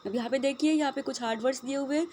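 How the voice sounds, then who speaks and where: A woman's voice: sits high, steady tone, rapid-fire, a little mellow, a little hiss or hum. A woman teacher with an Indian accent explaining a school lesson to her students, switching between Hindi and English and calling them beta. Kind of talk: online class lesson.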